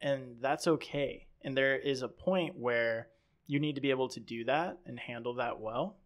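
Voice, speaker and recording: A man's voice: medium pitch, normal speed. A man co-hosting a podcast in casual chat, rambling and acting out quoted people as he tells stories. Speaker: podcast co-host.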